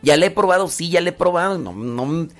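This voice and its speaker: A man's voice: a little high, animated, brisk, soft background music. Mexican man giving a casual moral talk. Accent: Mexican Spanish. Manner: conversational, acts out little scenes, frequent fillers.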